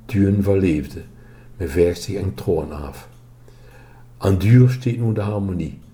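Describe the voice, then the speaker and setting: Low slow guy w/ reading a village tale, real dark mellow voice. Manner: slow, measured storytelling. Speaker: narrator. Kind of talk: reading a dialect story aloud.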